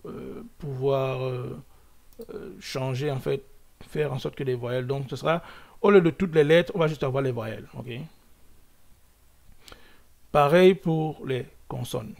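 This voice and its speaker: A man hosting a coding lesson, talking slowly with many fillers and restarts, thinking aloud as he works. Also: medium pitch, vocal fry, darkish tone. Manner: thinks aloud while working. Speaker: coding tutorial host. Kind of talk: screen-recorded coding lesson.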